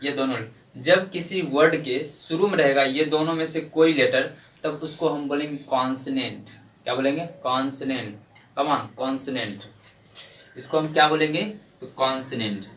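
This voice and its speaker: A man's voice: mid-range voice, moderate pace, a bit bright. A man teaching an English grammar lesson to a class, asking questions and answering them himself, repeating each point. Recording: echoey room, mic at a distance.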